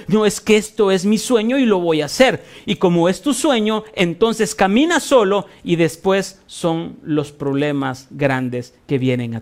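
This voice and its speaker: A man with a notably high voice preaching from the pulpit. He delivers an impassioned sermon, building on repeated phrases and rhetorical questions aimed at his listeners. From Honduras. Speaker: pastor.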